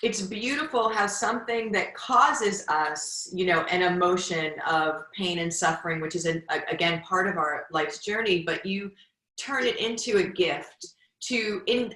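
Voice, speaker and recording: A middle-aged woman, once a hospice nurse and now a podcast host, conducts an interview with effusive encouragement. Her voice is lowish with a sharp tone, and the recording carries a roomy echo.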